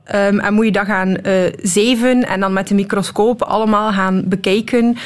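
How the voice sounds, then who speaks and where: A woman in her twenties with a Flemish Belgian accent, explaining her research as an interview guest in an informal way, with hesitant pauses. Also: medium pitch, steady tone.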